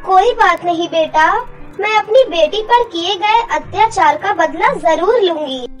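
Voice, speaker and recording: A woman voicing the gentle, protective spirit of a dead mother in a cartoon story. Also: very high voice, animated, unhurried, soft background music, low-quality recording. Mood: tender. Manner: tender, soothing.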